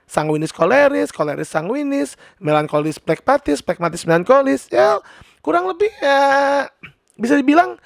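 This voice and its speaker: A man explaining personality types in a chatty, animated, casual vlog. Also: very high voice, normal speed, gravelly, no echo, studio quality. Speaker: personality teacher.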